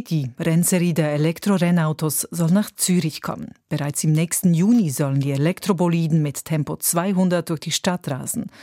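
Woman presenter, very low, mellow, steady scripted news, dry sound. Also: no echo.

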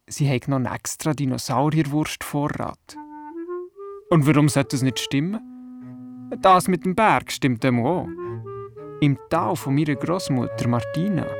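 An actor with a Swiss German accent plays a curious, imaginative grandson narrating his own adventures in a scripted first-person radio play, in an inquisitive, childlike storytelling manner. His somewhat high voice sounds close to everyday speech, recorded at studio quality with no room sound.

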